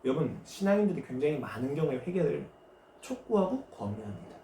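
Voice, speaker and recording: Male pastor, animated sermon delivery, rhetorical questions, roomy church sound. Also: fairly high pitch, fast talker. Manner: lively preaching with rhetorical questions and acted quotes. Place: church sanctuary. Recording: echoey church room, faint noise.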